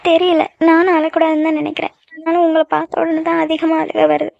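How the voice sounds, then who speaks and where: A woman's voice: very high-pitched, completely flat delivery, fast, gravelly, a little mellow, dry recording. A woman voicing a young college girl in love in a cartoon, pleading and teary with her sweetheart. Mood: pleading tearful. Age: young adult. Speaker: voice actor. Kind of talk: cartoon love-story dialogue. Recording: dull lo-fi dry recording.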